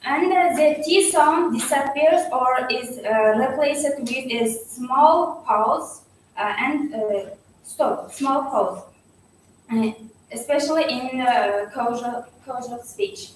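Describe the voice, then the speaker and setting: A woman giving a student research presentation, halting, with frequent pauses and restarts. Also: sits high, slight background noise. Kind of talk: academic presentation. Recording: echoey hall, far from mic.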